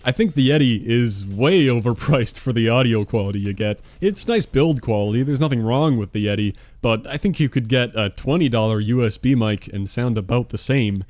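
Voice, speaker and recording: With barely a pause and at a moderate pace, a twenty-something gaming YouTuber answers viewer questions in an easygoing monologue laced with dry, self-mocking sarcasm. His medium-pitched voice is a little mellow, with no room sound, recorded at home on a dynamic studio mic on a stand.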